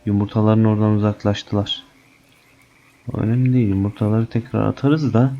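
A man giving casual, chatty commentary on his gameplay as a channel host, excitable and cursing lightly at the creatures. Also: on the low side, brisk, highs cut off.

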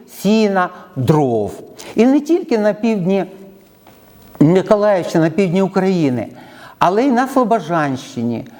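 A middle-aged lecturer with a Ukrainian accent, speaking in a measured way and pausing often with hesitation sounds as he explains words. His pitch moves about a lot and sits a little high. The room rings with a long reverb. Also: a little mellow. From southern Ukraine.

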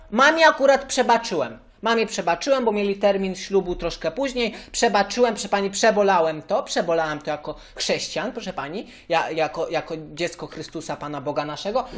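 A man's voice: sits high, fairly quick, a bit bright. A man voicing a hot-tempered young male churchgoer in a prank phone call, ranting and repeating the same phrase of address.

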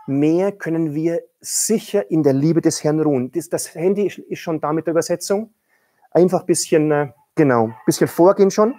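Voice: mid-range voice, mellow, dry recording, studio quality. A preacher giving an earnest sermon in a church and reading a story aloud, often repeating words for emphasis.

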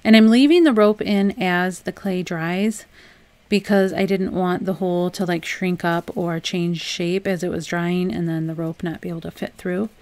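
A young adult woman hosting a home crafts channel, talking through a project in a relaxed, chatty voice-over with frequent "um"s. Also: fairly low pitch, normal speed. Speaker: DIY crafts channel host. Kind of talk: casual voice-over tutorial.

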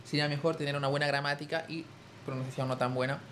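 On a live stream, a young man from Spain talks easily with his audience in a chatty way, addressing the chat as "tío" in his Spanish accent. He speaks fast at a fairly high pitch with a steady, fairly bright tone, over slight background noise.

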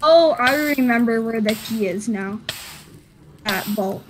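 A woman's voice: fairly high pitch, unhurried, background noise. A woman chatting casually as she guides another player through a game map. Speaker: map maker guiding a player. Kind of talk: casual gameplay chat.

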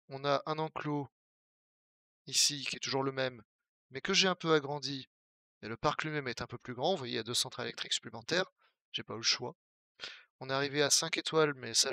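A man's voice: mid-range voice, sharp tone, no room sound, studio quality. A young man from the Paris region with a Parisian French accent, talking casually as a Twitch streamer while playing a game, joking and answering his chat. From Paris region, France.

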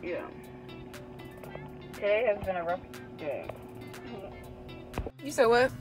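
A woman's voice: medium pitch, sing-song, slow, over music, poor audio. A woman hosting a casual shopping vlog, chatting and teasing while talking straight to her viewers. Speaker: vlog host, mother.

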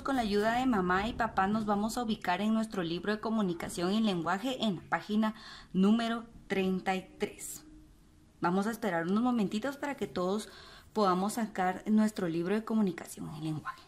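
A woman teacher reading a fairy tale aloud to young children, in a slow sing-song storytelling manner with questions to the class. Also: medium pitch, slight background noise. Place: classroom or home recording for an online class. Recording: very echoey room, distant mic.

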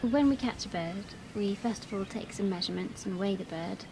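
Woman, interviewed scientist, explanatory, gravelly fry at phrase ends, noisy open-air ambience. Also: medium pitch, fairly quick. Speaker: seabird scientist being interviewed. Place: open grassy coast, outdoors. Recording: clear background noise outdoors.

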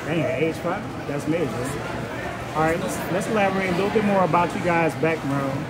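A man's voice: on the high side, a little fast, over a noisy crowd. A man in his forties hosting a casual interview with a jokey, hype, street-slang manner. He speaks into a phone in a large indoor food court. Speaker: interview host. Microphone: phone camera. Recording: busy hall, loud background noise.

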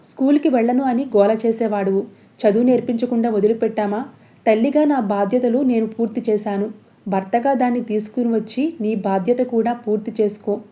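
A woman voicing a forceful middle-aged mother who insists and commands, read in a serial recap story. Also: on the high side, brisk, close to an everyday voice. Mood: firm.

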